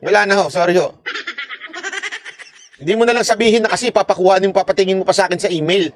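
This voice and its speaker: A man's voice: sits high, fast, background noise. A man from the Philippines doing casual live-stream political commentary, joking and mocking, laughing often and acting out the lines he quotes.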